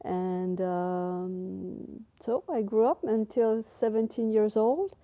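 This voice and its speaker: Slow, halting woman with a very dark voice. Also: mid-range voice, steady tone. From Mexico, raised in Belgium. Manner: unhurried, halting with many fillers and restarts. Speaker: interviewee, painter. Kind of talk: interview recollection.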